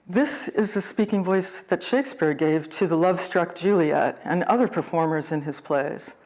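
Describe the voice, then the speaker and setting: Measured woman lecturing on poetry. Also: fairly low pitch, a little mellow. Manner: measured, deliberate, reflective. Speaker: poet and series host.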